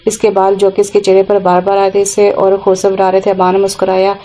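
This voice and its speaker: A woman narrating an audio novel in an even, unhurried reading. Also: mid-range voice, poor audio.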